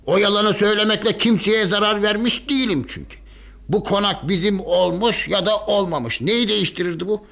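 A man's voice: high-pitched, fairly quick, gravelly, fairly bright tone. An actor playing an easygoing old grandfather in a radio drama, cheerful and coaxing. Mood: reasoning. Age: older. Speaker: family patriarch.

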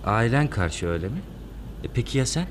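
Radio play: earnest young lover, emphatic and expressive, played by a man. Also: medium pitch, a little fast, slight background noise, natural voice. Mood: upset. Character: earnest young suitor, frank and wry. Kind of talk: radio drama acting.

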